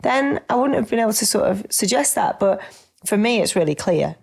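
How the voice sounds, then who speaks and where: A middle-aged woman chats about coaching clients. She talks in an animated, familiar way, often calling people babe. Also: medium pitch, fairly quick, gravelly. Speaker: business coach. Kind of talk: casual podcast chat.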